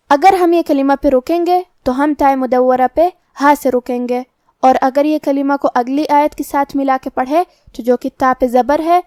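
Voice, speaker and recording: A woman teaching Quran recitation, calmly explaining pronunciation rules and then reciting verses slowly with long held sounds. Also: high voice, dry recording, studio quality. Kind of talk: tajweed lesson with slow recitation.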